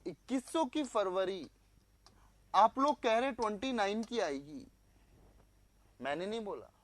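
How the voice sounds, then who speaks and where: Guy teaching an online class, talks real slow, keeps checking if everyone agrees. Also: high voice, expressive, a bit bright, no room sound. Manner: quizzes students, repeats answers, mixes English.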